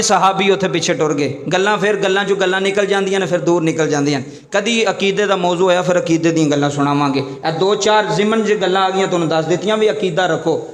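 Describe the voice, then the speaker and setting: A man's voice: sits high, echoey room. A man preaching a sermon to a gathering, asking the audience questions and acting out dialogues.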